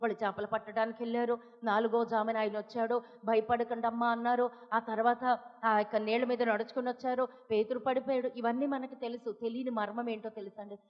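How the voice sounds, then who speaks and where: An Indian woman pastor with a Telugu accent, preaching an impassioned sermon that swings from loud pleas to hushed asides. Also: fairly high pitch, little pitch movement, a little fast. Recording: dull audio with long hall reverb.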